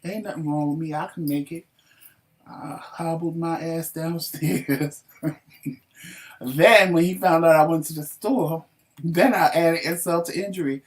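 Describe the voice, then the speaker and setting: A man's voice: fairly high pitch, a little slow. Guy cohosting a chat show, cussing a lot, acts out what people said, sits kinda far from the mic. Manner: animated, profane storytelling with acted quotes. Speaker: talk show co-host. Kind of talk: casual chat.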